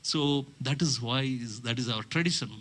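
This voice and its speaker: Man, mid-pitched voice, measured rhetorical speaker at a round table, pauses and restarts often. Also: a bit bright. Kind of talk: public speech.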